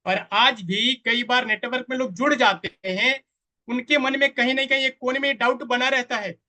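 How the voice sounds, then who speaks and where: High, bright-voiced male trainer. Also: steady tone, normal speed. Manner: addresses the audience directly, asks for chat replies; quotes others in a voice of their own. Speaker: network marketing trainer. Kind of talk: live online training presentation.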